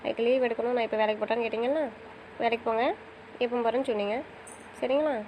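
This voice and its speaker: Young woman, fast talker, fairly high voice, affectionate and teasing, casual couple banter. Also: steady tone, darkish tone, a little hiss or hum, low-quality recording. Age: young adult. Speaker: wife in a couple's chat.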